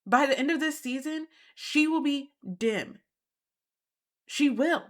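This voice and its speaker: A woman's voice: high voice, slow pace. A woman hosting a reality TV recap, talking in an indignant, emphatic way and repeating points for emphasis. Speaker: host.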